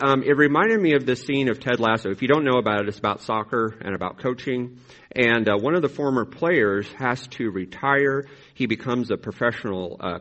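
A lower-pitched man gives an informal, reflective sermon as a pastor. He speaks haltingly, his articulation a little impeded by braces. The recording is slightly dull. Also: fairly bright tone. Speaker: pastor preaching. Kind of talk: conversational sermon.

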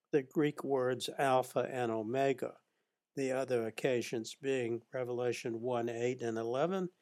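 Slow, measured male Bible lecturer. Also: medium pitch. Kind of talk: scripted narration.

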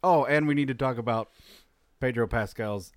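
A man hosting a casual podcast chat, enthusiastic and quick to laugh. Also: medium pitch, no echo. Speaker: podcast host.

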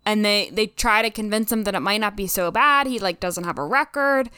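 A woman's voice: mid-range voice, fairly quick, sharp tone, clear, resonant tone, no room sound, clean studio sound. A woman co-hosting a podcast, casually and reflectively discussing a TV episode, with many "like"s. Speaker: podcast co-host.

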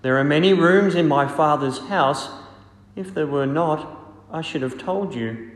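A man speaking as a priest, reading scripture and preaching in a solemn, measured way in an echoing church. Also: a little high. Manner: solemn, measured, deliberate phrasing. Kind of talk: liturgical reading and homily. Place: large reverberant church. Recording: echoey church with long cathedral-like reverb.

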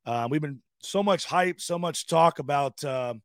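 Hoarse-voiced man hosting a sports show. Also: on the high side, no room sound, clean studio sound. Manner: halting, many fillers and restarts. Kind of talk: live sports talk show.

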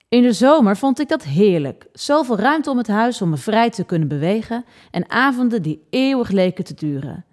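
A woman reading from a children's book. Her voice moves through a lively, wide pitch range in an expressive storytelling style. Her pitch sits in the middle for a woman. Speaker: presenter of a reading program. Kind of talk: scripted narration and book reading.

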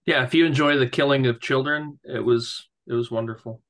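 A man's voice: medium pitch, fairly even intonation, brisk, fairly bright tone. A man co-hosting a casual podcast discussion, with wry, self-deprecating humor. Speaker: podcast co-host.

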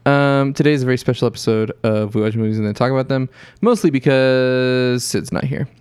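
A man hosting a podcast, bantering playfully and teasing his co-host with quick intros. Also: medium pitch, fairly even intonation, darkish tone, clean tone, no echo, studio quality. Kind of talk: casual banter.

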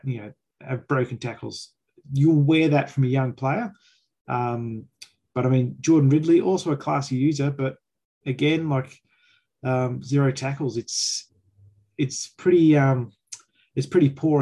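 A man's voice: medium pitch, mellow, breathy edge. An Australian man hosting a fan sports chat, giving critical, emphatic opinions in colloquial language. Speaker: fan podcast host.

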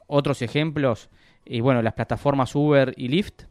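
A man talks through business news in a measured, explanatory way, often pausing and restarting his sentences. His voice sits at an ordinary middle pitch, recorded close and dry with no room sound. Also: fairly even intonation, a little mellow, no room sound. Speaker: economic analyst guest. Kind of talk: radio interview commentary.

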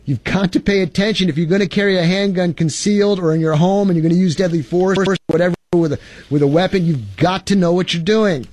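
A man's voice: high-pitched, fast talker, a little mellow. A man teaching a class on self-defense law, explaining definitions and reading statutes aloud with short asides. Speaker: instructor. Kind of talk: instructional lecture with legal readings. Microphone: facing camera.

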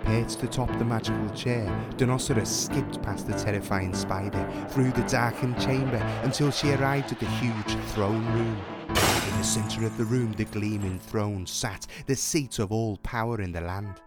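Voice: mid-range voice, moderate pace. A narrator reading a scripted children's fantasy story. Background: music.

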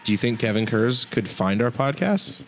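A man co-hosting a casual hockey podcast, joking and rambling with quick asides. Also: mid-range voice, big pitch swings, a little hiss or hum. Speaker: podcast co-host.

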